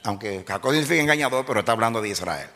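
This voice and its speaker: A man preaching a sermon to a congregation, moving between low explanation and shouted peaks and asking the listeners direct questions. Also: animated, rapid-fire. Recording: long hall reverb.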